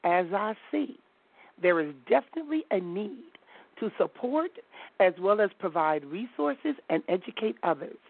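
Over a thin, tinny phone line, a woman hosts a call-in show, blunt, outspoken, and quick to laugh. Her slightly high voice swings widely in pitch with a sing-song quality at normal speed. The sound is dry and close, with no room sound.

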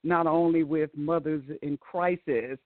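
A woman's voice: low-pitched, steady tone, unhurried, no echo. A middle-aged woman from Florida joins a podcast by phone as a guest. She sounds gracious and upbeat. The line is tinny and narrow, and her voice is close and dry. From Tallahassee, Florida. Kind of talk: phone-in interview.

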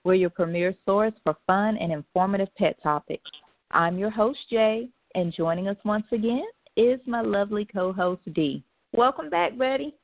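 A woman's voice: medium pitch, moderate pace, no echo. A woman hosting an internet radio show in casual, chatty talk. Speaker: host. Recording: tinny phone-line internet radio.

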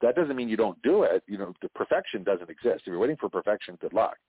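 A fast-talking Canadian franchise consultant, guesting on an interview call, chats casually, tells stories, and jokes and laughs often. His voice is fairly low, sing-song, and slightly rough, recorded dry over a tinny phone line.

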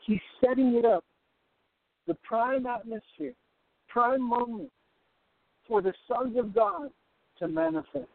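A man's voice: very high voice, takes it slowly, gravelly, pauses often, a little hiss or hum. Man preaching over a glitchy phone line. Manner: fervent, exhorting, addresses the listener directly. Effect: buzzy, glitchy phone line that keeps breaking up. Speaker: caller. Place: driving through the hills. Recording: tinny, breaking-up phone call.

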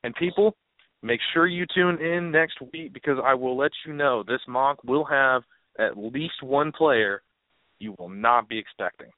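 A man guest on a casual sports podcast who talks in an animated, emphatic way and raises his voice when he gets worked up. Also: medium pitch, a little slow, no room sound. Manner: animated and emphatic, rising to a near shout. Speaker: guest analyst. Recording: dry phone-line audio.

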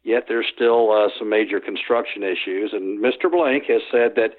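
Over a tinny telephone line, a sports historian answers interview questions in a lowish voice at normal speed, rambling and frequently restarting with plenty of fillers.

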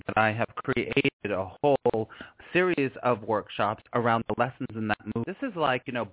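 A man hosting a live radio show in a chatty, effusive way, often repeating phrases for emphasis. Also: mid-range voice. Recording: phone-like band, roomy echo.

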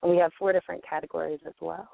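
A woman's voice: lowish voice, little pitch movement, racing, gravelly, no room sound. A woman comes through a narrow, phone-like line that sounds dry and close. She is a marketing guest on a radio interview. She talks in a loose, chatty way, with frequent ums. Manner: chatty, with many ums and fillers. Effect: heard over a phone line. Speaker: guest from a music platform's marketing team.

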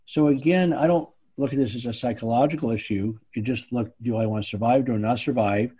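A man's voice: mid-range voice, a little fast, mellow, slightly rough. A man who is a spine surgeon hosting an interview, listening attentively with brief affirmations and then explaining his views. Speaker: spine surgeon, podcast host. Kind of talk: interview conversation.

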